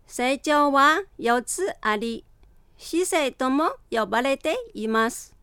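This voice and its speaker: High, bright-voiced woman teaching slowly. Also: expressive, clear, resonant tone, no echo. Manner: careful, deliberate demonstration of sounds. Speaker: Chinese language instructor. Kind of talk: slow scripted language lesson.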